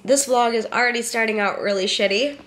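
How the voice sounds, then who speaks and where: A young woman vlogger with a head cold talks into a handheld camera held close to her face, her voice stuffy and nasal from congestion. Settled on her living room couch, she rambles in an easygoing, chatty way and swears casually. Her voice is on the high side, brisk and fairly bright, with a little hiss or hum.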